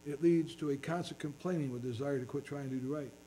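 A man's voice: a little high, brisk, dark tone, slight background noise, rough recording. A man preaching a sermon as pastor, earnestly reading scripture in King James wording.

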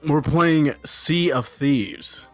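A man co-hosting a gaming video, making wisecracking, deadpan jokes in casual banter. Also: on the high side, very slow, soft background music.

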